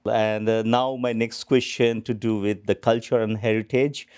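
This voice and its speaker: A man hosting an interview, putting prepared questions politely and with a hesitant, measured delivery. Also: on the low side, little pitch movement, a little mellow, clean tone. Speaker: interviewer, host.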